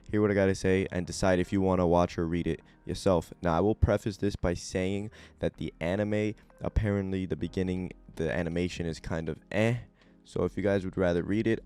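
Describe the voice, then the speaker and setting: A young man with a deep voice hosts a laid-back anime and manga review video. He rambles with plenty of fillers, and he sounds a bit raspy since he's just woken up.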